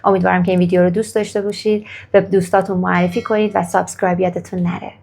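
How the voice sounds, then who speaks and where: A woman teaching an English grammar lesson, with a gravelly edge to her voice. She pronounces example sentences slowly and deliberately, then explains them and encourages the listener after each practice line. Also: fairly low pitch, flat delivery, a little mellow. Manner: slow, careful model sentences in English, then Persian explanation; coaxing, praises the viewer after each exercise.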